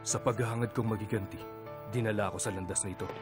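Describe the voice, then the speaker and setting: A man voicing a quiet, driven young cartoon swordsman. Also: lowish voice, steady tone, quick pace, close to an everyday voice. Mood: earnest. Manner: quiet, respectful. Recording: cartoon dub with loud music and crowd.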